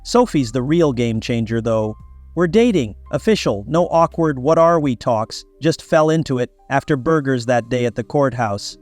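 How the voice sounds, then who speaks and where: A man tells a first-person story in a blunt, wry way. His voice sits at a middle pitch, with faint music underneath. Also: animated, moderate pace, darkish tone, dry recording.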